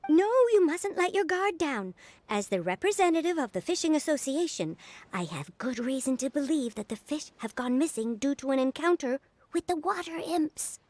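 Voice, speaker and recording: A woman's voice: high-pitched, very animated, normal speed, darkish tone, no room sound. A woman voicing a fussy, self-important female fishing guild representative in a video game, who dithers and keeps repeating her title.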